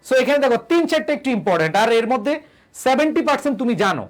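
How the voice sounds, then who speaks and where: High-voiced man teaching grammar. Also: very animated, racing. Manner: repeats questions and answers them himself; reads out and answers viewer comments. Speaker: online English tutor. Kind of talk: live-streamed grammar lesson.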